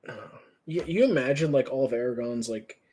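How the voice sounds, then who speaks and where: A man's voice: mid-range voice, fairly quick, dark tone, slightly rough. A young man co-hosting a casual podcast chat, rambling with lots of fillers and restarts. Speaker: podcast co-host.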